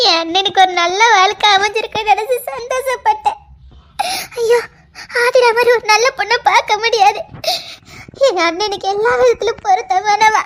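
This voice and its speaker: A woman with a Tirunelveli accent playing a gentle younger sister who earnestly implores her brother. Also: very high-pitched. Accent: Tirunelveli Tamil. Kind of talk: comedy skit drama.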